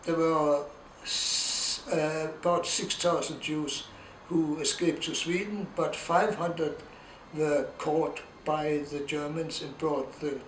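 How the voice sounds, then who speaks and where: A Danish man in his eighties with a Danish accent, giving a halting oral history account full of pauses and restarts. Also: fairly high pitch, steady tone, a bit bright, reverberant, slight background noise, rough recording. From Denmark. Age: 80s. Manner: halting, with many ums and restarts. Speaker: interviewee.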